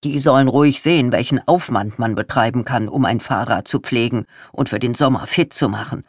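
A man's voice: mid-range voice, fairly quick, no echo, clean studio sound, natural voice. A reader voicing Walter, a fussy older husband who is proud of his bicycle work and defensive when nagged. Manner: defensive, self-important.

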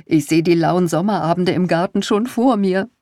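A reader voicing Charlotte, a bubbly, enthusiastic older sister-in-law. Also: female voice, on the low side, moderate pace, mellow, no echo, clean studio sound, voice pushed up, close to an everyday voice. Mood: cheerful.

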